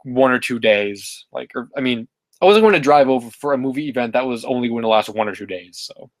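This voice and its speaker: Male streamer host, mid-pitched, loose and rambling with lots of fillers, dry close sound. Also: animated, a little fast, no echo. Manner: rambling, many fillers and self-corrections. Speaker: livestream host reading chat. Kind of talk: casual live-stream chat.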